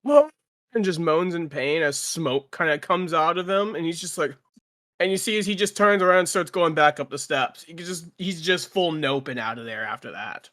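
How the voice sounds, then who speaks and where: A man's voice: on the high side, normal speed, bright, forceful tone. A man running a tabletop game as game master, narrating in a casual, joking way. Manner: casual, laughing, swearing.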